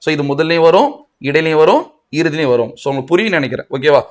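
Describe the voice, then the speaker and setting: Tamil Nadu male tutor, high voice, quizzes himself through each point. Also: lively intonation, racing. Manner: asks and answers his own questions, mixing in English words. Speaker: Tamil grammar teacher. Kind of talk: exam coaching lecture.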